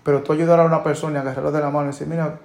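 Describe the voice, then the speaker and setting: A man's voice: a little high, flat delivery, racing, gravelly, a little mellow. Earnest coaching man in an echoey room. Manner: earnest, coaching, repeats rhetorical questions. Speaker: personal finance coach. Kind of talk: motivational monologue. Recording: roomy echo.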